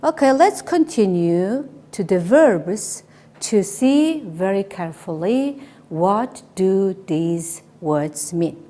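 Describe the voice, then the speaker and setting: A woman teaching English, slowly reading vocabulary words and repeating them for learners to copy. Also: mid-range voice, lively intonation, warm tone. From Mongolia. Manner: slow, deliberate, repeating each word for learners. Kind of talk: vocabulary lesson with repetition drills.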